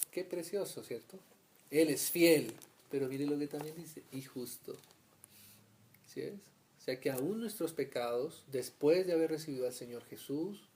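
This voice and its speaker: This Bible teacher from Colombia speaks on the high side with a dark tone. His study is conversational: he often checks in with listeners, frequently asking "¿cierto?", and acts out small everyday scenes.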